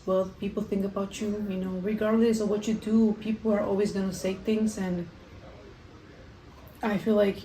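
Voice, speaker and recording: A woman's voice: medium pitch, warm tone. A young adult woman chatting casually and ramblingly during a food vlog, saying "like" often, recorded in a kitchen. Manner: rambling, frequent "like". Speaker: vlogger doing a mukbang Q&A. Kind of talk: casual chat to camera while eating. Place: roomy kitchen at home, indoors. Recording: echoey room with faint background noise.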